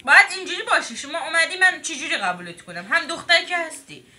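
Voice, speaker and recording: Woman as a brusque female judge, high voice, very bright, sketch comedy. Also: big pitch swings, exaggerated voice. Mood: scolding. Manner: brusque, shouts "cut" repeatedly. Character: bossy female talent-show judge.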